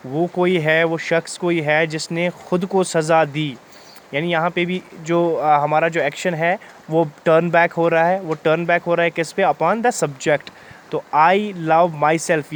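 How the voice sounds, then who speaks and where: Man teaching English grammar, slow and patient. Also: on the high side, slight background noise. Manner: explains slowly, reads English examples out word by word; calls students "beta". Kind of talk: Hindi-English grammar lesson.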